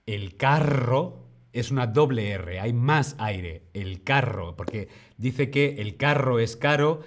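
Slow, patient man teaching pronunciation. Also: mid-range voice, expressive. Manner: slow, patient, repeats words for learners to echo; reassuring, addresses viewers by name. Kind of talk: live-streamed pronunciation lesson.

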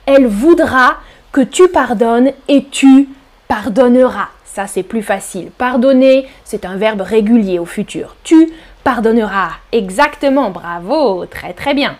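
Slow, clear French teacher woman. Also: a little high, lively intonation, a little mellow. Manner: slow and clear, explaining to learners, sings song lines. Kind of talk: live-streamed language lesson.

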